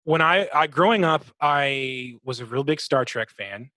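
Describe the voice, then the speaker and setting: On a podcast he co-hosts, a man speaks about games in a relaxed, casual way, his medium-pitched voice expressive, pushed and bright. He takes his time, swears freely and mimics sound effects, and the recording is dry.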